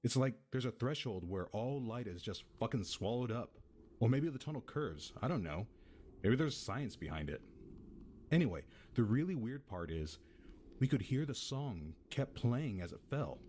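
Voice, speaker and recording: A man's voice: mid-range voice, lively intonation, normal speed, darkish tone, slight background noise, lightly acted. A man with an American accent playing a laid-back, foul-mouthed tenant who rambles through an eerie story in casual audio-drama style. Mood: intrigued.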